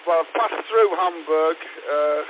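A man's voice: fairly high pitch, measured pace. An older man with a Sunderland accent chats casually as an amateur radio operator, using call signs over the air. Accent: Sunderland (Mackem). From Sunderland, north-east England. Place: at home, over two-way radio. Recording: noisy, hissy, phone-like narrowband radio transmission.

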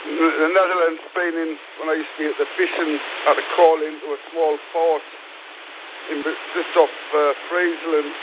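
An older man with a Sunderland accent talks casually over amateur radio, his voice sitting a little high. The signal is thin and phone-like, with clear hiss over his call signs and chat. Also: little pitch movement, normal speed. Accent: Sunderland (Mackem). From Sunderland, north-east England. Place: at home, over two-way radio. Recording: noisy, hissy, phone-like narrowband radio transmission.

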